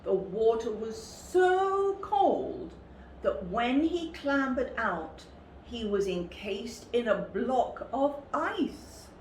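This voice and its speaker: A woman reading a children's story expressively, with a dramatic, deliberate delivery. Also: a little high, very animated, darkish tone. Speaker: storybook reader for a school story time. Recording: roomy, distant mic, faint background noise.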